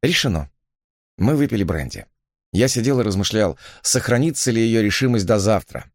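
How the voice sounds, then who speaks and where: A man narrating a story in a measured, reflective way. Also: lowish voice, expressive, a little mellow, no room sound, clean studio sound. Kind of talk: audiobook narration.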